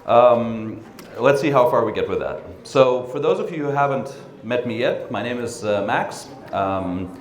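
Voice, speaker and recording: A middle-aged training speaker, born in Russia and raised in the United States and the Netherlands, lectures in a conference room with an echoey sound. His mid-range voice is a little slow and relaxed, peppered with ums, uhs and frequent "right?"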